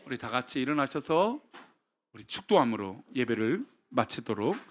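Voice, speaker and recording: A male senior pastor preaching a sermon to his congregation, emphatic and often rising to shouts, putting rhetorical questions straight to the listeners. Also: medium pitch, sing-song, normal speed. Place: church sanctuary before a congregation.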